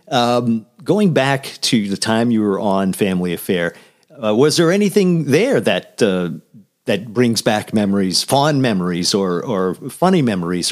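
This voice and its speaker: Guy hosting a podcast, medium voice, rambles through his questions. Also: medium pitch. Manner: rambling, searching questions full of fillers. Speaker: podcast host. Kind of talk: interview questions.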